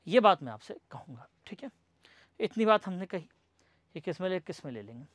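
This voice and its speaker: A male teacher with a high, very animated voice lectures a class fairly quickly, posing questions and answering them himself while mixing English terms into his explanation. He repeats each point as question and answer and calls his students "bhai sahab." The recording is dry.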